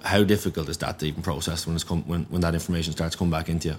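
A man's voice: low-pitched, fairly even intonation, very fast, a little hiss or hum. An Irish man interviewing casually, feeling his way through informal questions.

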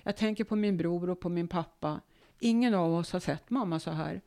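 A woman, a guest author, reading her own memoir aloud in a calm, measured way. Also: lowish voice.

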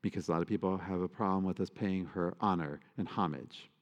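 A man's voice: low voice, brisk, lo-fi sound. A man, a priest, giving a sermon with earnest emphasis and playful asides. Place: church. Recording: long church reverb.

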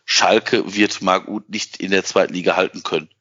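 A man chatting casually about football with friends, lively and joking. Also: low-pitched, moderate pace, husky. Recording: dull lo-fi sound.

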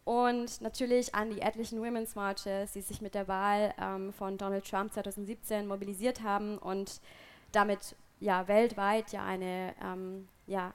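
A woman's voice: mid-range voice, flat delivery, normal speed. German woman co-hosting a live podcast. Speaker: podcast co-host.

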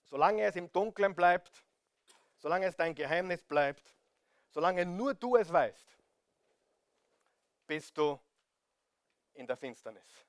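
High-voiced Austrian preacher, pleading. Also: male voice, lively intonation, slow pace, long pauses, dry recording, clean studio sound. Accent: Austrian German. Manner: direct, pleading, repeats appeals to listen; rhetorical questions, big swings in loudness. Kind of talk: sermon.

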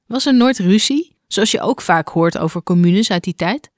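A documentary narrator and interviewer speaking in a calm, measured way. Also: medium pitch, dry recording, studio quality.

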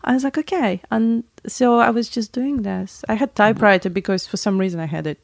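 A woman's voice: medium pitch, fairly quick, creaky, no echo. A woman from Latvia, chatting casually and telling a rambling story, often correcting herself mid-sentence. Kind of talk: casual chat.

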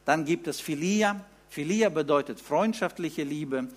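A man's voice: on the high side, a little slow. A man in his fifties preaching a sermon in German, teaching with rhetorical questions and emphatic repeated phrases.

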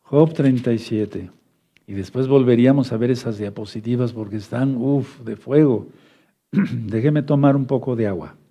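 Speaking at normal speed and medium pitch, a man leads a Bible study sermon in audio with the highs cut off. He addresses the listeners as beloved brothers, repeats key points, spells words out and tells everyone to take notes.

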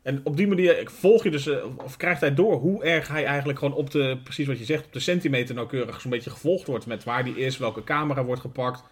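A man's voice: mid-range voice, breathy edge. A Dutch man co-hosting a podcast, chatting about a film with lots of filler phrases. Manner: quick, chatty, many fillers like "zeg maar". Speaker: podcast co-host. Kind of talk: casual film discussion.

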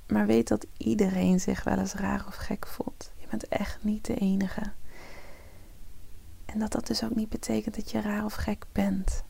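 Female meditation host, soft spa-style whisper, breathy and mellow, heavy creak, very dry close sound. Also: mid-range voice, no echo. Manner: soft, breathy half-whisper, slow and soothing. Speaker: host of a morning meditation podcast. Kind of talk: guided morning meditation, soft soothing ASMR-like delivery.

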